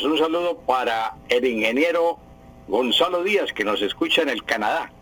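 Man, husky-voiced language professor, didactic radio explainer who drills the correct form. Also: medium pitch, a bit bright, low-quality recording. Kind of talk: radio language advice segment.

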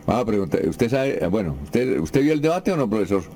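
Male radio host, mellow tone, casual, puts listener questions to a guest. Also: on the low side, sing-song, fairly quick, a little hiss or hum.

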